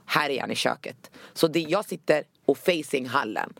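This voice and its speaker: A young woman from Sweden chats on a podcast, her lowish voice carrying a gravelly edge. She tells stories animatedly, dropping in English and Arabic slang words. The sound is close and dry, with no room around it. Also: animated, fairly bright tone, dry recording. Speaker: podcast co-host. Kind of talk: casual chat, storytelling.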